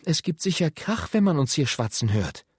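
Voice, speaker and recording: A man doing a timid little girl, soft and hushed. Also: big pitch swings, normal speed, slightly rough, no room sound, clean studio sound. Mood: anxious. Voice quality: soft, high girlish voice. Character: small, timid youngest girl. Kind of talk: audiobook reading.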